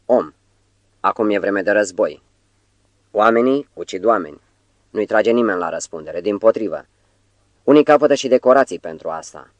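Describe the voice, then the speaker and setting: A cynical soldier, once a barber, shrugs off killing in a calm, offhand tone, read by a man. The voice is low and sits dry and close to the mic. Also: pauses often, no echo, muffled recording, lightly acted. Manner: calm, offhand, matter-of-fact.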